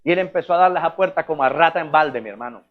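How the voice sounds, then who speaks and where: A man with a Colombian accent preaching a lively sermon as pastor, calling out to the congregation and acting out little scenes. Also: a little high, rapid-fire, narrow, tinny audio. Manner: animated, calls out to the congregation, acts out little scenes.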